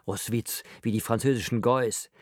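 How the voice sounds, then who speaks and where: A man voicing an agitated, blustering father who scolds loudly and indignantly in an audiobook. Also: mid-range voice, expressive, fairly quick, no room sound, clean studio sound, voice pushed up, close to an everyday voice.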